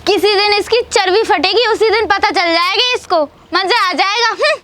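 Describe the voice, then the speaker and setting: A woman's voice: very high voice, normal speed, over music. Woman as a grumbling, sarcastic housemaid. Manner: muttering sarcastic complaints. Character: grumbling housemaid, fed up with her mistress. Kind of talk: comedy skit acting.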